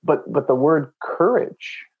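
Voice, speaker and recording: In tinny, narrow audio, a man interviewing a guest on his podcast speaks slowly in a husky, animated voice on the high side. He reflects back what the guest says, checks he's understood, and drops frequent "mm" affirmations.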